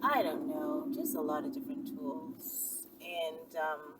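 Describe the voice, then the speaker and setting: A video host, a woman with a deep, level voice, answers viewer questions slowly in a casual, chatty monologue. She's sassy and emphatic, often checking in with "okay?" and "you know." The recording is noisy, with a distant mic and what sounds like vehicle ambience.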